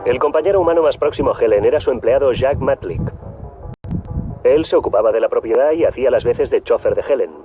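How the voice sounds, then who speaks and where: A man giving scripted documentary narration in a measured, even storytelling manner. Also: mid-range voice. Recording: tinny phone-like audio with music bed. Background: background music.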